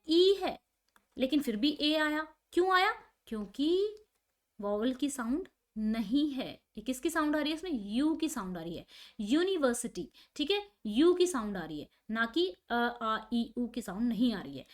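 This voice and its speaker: A woman teacher, explaining a lesson step by step and asking and answering her own questions. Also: sits high. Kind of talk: online class lesson.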